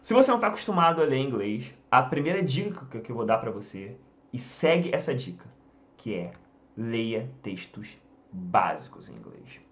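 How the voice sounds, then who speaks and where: A Brazilian English teacher runs a casual online lesson, drawing on and pointing at a board while peppering his speech with fillers like "tá?" and "ó." He has a Brazilian Portuguese accent and a medium-pitched, sing-song voice at normal speed.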